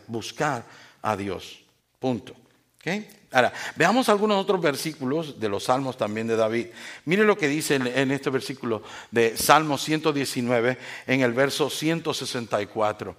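A male pastor, preaching an animated sermon and joking with his congregation. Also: fairly high pitch.

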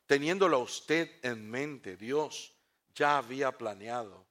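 A man preaching a sermon, swinging from hushed tones to shouts and asking the congregation rhetorical questions. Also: medium pitch, takes it slowly.

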